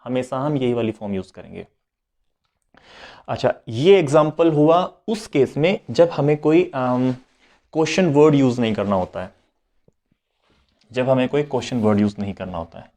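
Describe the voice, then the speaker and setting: A French teacher with a medium-pitched, dark-toned voice gives a slow beginners' language lesson at a moderate pace with long pauses. He switches between Hindi and English and repeats each point as he explains.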